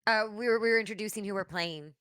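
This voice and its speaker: A woman's voice: medium pitch, quick pace, fairly bright tone, dry recording. A woman hosting a voice-acting live read over a video call, introducing the cast in a teasing, upbeat way. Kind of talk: casual chat introducing the cast. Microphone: video call microphone.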